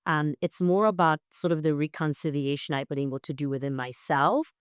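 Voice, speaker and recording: Speaking briskly in a low, steady, smooth voice, this young adult interview guest from South Africa reflects thoughtfully and keeps asking "right?". Shona is her first language, and the studio recording is clean with no room sound.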